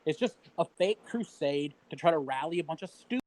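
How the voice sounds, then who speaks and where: A man's voice: fairly high pitch, lively intonation, a little fast, a little mellow, no echo, rough recording. A man co-hosting a casual livestream chat, ranting heatedly with profanity and mocking quotes. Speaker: livestream co-host.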